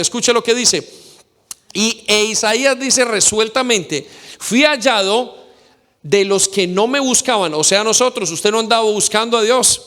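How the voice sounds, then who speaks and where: Man, pastor, earnest sermon, high-pitched, reverberant church hall. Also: fairly bright tone. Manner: earnest preaching, quoting scripture, addressing listeners directly.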